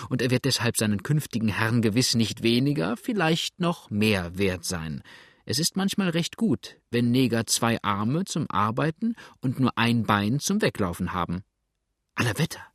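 A man playing a brisk, callous little doctor. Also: medium pitch, dry recording, clean studio sound, natural voice. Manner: clinical, eager, exclaiming. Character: small brisk callous male country doctor.

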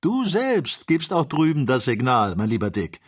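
Calm, learned doctor , husky male reader, audiobook, steady explanations. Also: lowish voice, moderate pace. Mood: explaining.

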